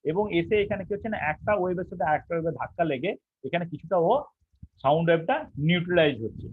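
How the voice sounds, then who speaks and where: A man's voice: a little high, no room sound. A male instructor teaching an online technical lesson, explaining step by step and posing rhetorical questions to his students. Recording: tinny phone-like recording.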